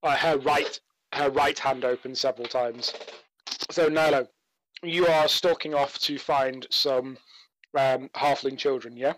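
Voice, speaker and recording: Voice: mid-range voice, fairly even intonation, a little slow, a bit bright, a little hiss or hum, rough recording. Chatty tabletop game master. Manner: descriptive, loose, with fillers.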